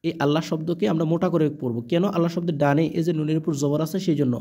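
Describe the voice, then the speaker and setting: Man, Quran reading teacher, letter-by-letter spelling lesson, drawn-out recitation, fairly high voice, mellow tone. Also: steady tone. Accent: Bangladeshi.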